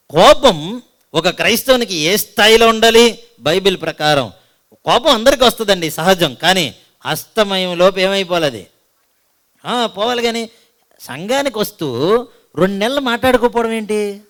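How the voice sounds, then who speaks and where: A male pastor with a Telugu accent preaching a sermon, asking the congregation questions and swinging between loud appeals and hushed asides. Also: sits high, animated, normal speed, pauses often.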